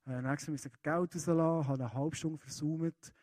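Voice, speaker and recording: A man with a Swiss German accent preaching a sermon, talking to the congregation in an earnest, conversational way. His voice sits a bit higher than most men's, and the recording is dry and close. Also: fairly even intonation, normal speed, darkish tone, no echo. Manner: earnest and conversational, addressing listeners directly.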